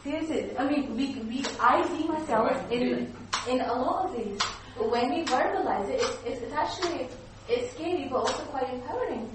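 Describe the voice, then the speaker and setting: A woman teacher trainer giving a lively workshop talk, acting out example speakers as she explains. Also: high-pitched, normal speed, hardly any pauses, noisy background. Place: training room. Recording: echoey room recorded from far off.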